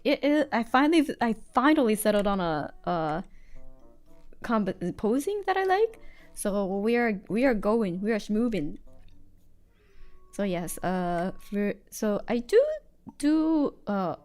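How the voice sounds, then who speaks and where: Giggly woman with a lively voice. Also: a little high. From United States. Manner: giggly, chatty, trails off and restarts. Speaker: streamer. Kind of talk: casual livestream chat while drawing.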